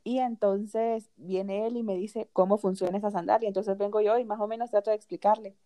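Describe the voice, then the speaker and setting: A young woman hosting a podcast, casually telling a personal story in an animated way, often laughing along. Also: medium pitch, a little fast, dry recording. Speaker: podcast host.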